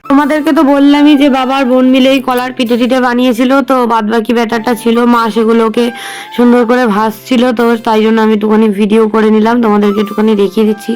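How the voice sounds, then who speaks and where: A woman's voice: a little high, level tone, fast, a little mellow, soft background music. A woman in her thirties chatting to viewers in a casual family vlog, explaining what is going on at home. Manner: coaxing, sing-song talk to small children. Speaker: vlogger.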